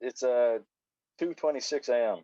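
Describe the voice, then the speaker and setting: In a dull, lo-fi video call, an Irish biker rambles casually about motorbikes at a normal pace, swearing and then apologizing. His voice sits at medium pitch with a dark tone, and there's no echo.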